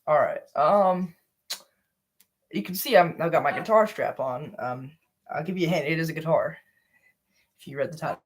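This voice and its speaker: A man's voice: fairly high pitch, moderate pace, pauses often. A young man from the American South, chatting casually to viewers on a live stream, rambling with lots of fillers while he sets things up.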